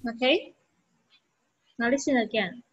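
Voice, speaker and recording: A woman's voice: a little high, slow, slightly rough. A woman English teacher giving an online lesson who explains patiently and repeats sounds for her students. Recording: dull lo-fi recording.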